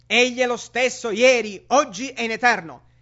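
A man's voice: very high-pitched, moderate pace, sharp tone. A man preaching a sermon with emphatic rhetorical questions to the congregation. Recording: dull lo-fi sermon recording.

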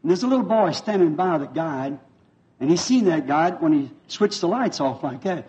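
A man preaching a revival sermon in a fervent, folksy way, pausing for his interpreter. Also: on the high side, lively intonation, dark tone. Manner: fervent, folksy, repeats himself. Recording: dull lo-fi old sermon tape.

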